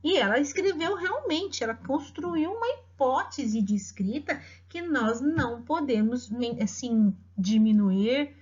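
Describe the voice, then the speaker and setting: A middle-aged woman teacher with a Brazilian Portuguese accent, patiently explaining to parents and dictating words slowly. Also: high-pitched, sing-song, darkish tone, husky. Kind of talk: instructional talk to parents. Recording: dull lo-fi audio.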